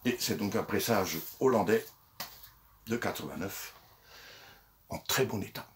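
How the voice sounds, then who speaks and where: A man's voice: fairly low pitch, measured pace, slight background noise. An older man chatting casually about his secondhand finds into a phone, with lots of fillers and restarts. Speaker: secondhand collector vlogger. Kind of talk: casual chat.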